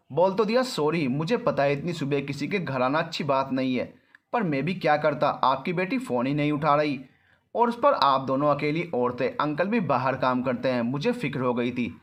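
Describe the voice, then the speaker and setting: A man's voice: fairly high pitch, fairly bright tone. A man voicing an arrogant, controlling young man in a storybook reading, rude and mocking. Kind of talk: storybook narration.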